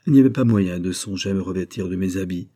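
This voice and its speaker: A man reading a literary story aloud in a measured, expressive way. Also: low voice. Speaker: audiobook narrator.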